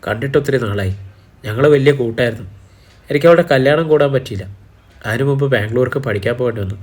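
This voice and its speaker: A man's voice: mid-range voice, fast, darkish tone, lightly acted. Man voicing a complaining young student girl. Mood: earnest. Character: impulsive young woman, a nursing student daughter.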